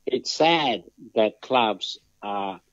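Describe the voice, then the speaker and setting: A muffled, dry phone recording of an Australian man with a lowish voice. He speaks very slowly, in a formal and measured discussion style, choosing his words haltingly. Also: animated, no echo. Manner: formal, deliberate, halting phrasing. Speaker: phone-in guest on a football show.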